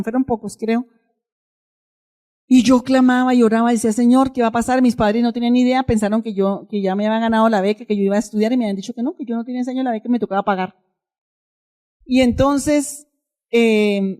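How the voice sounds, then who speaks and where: Mellow-voiced woman pastor preaching. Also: fairly high pitch. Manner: emotional, conversational, addresses the congregation directly. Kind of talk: sermon with personal testimony.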